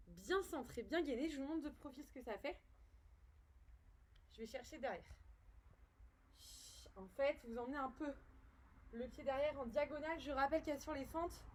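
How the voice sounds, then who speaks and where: A woman's voice: high voice, moderate pace, long pauses, slight background noise. A French woman leading a home workout as a fitness instructor, upbeat and encouraging, counting repetitions aloud.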